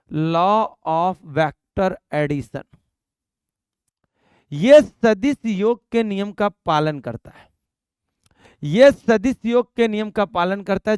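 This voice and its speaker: A young man teaching a physics lecture to students, animated, repeating points and asking and answering his own questions. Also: sits high, smooth, no room sound, clean studio sound. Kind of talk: classroom lecture.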